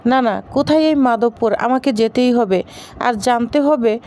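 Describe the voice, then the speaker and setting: A woman's voice: fairly high pitch, normal speed, dark tone, lightly acted. Anxious young woman, read by a woman. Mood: worried.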